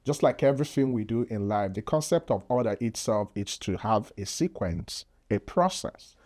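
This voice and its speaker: A man with a Nigerian accent speaks in a fairly low voice. He talks as a podcast guest, explaining things earnestly and patiently, with many fillers and restarts in a casual interview. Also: lively intonation, normal speed, darkish tone. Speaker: podcast guest, public health physician.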